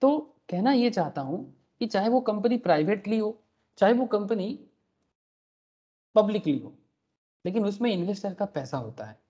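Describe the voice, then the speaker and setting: A man's voice: high voice, sing-song, normal speed, long pauses, dark tone. Man teaching a class, lo-fi call recording. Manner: explains with rhetorical questions and frequent checks. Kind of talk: online class lecture. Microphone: computer mic on a recorded video call. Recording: dull lo-fi meeting recording.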